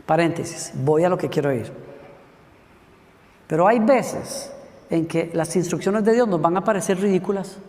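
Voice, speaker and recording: High-voiced pastor preaching in a reverberant church. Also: male voice, moderate pace, pauses often. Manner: animated storytelling, acting out voices of biblical figures. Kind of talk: sermon. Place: church sanctuary.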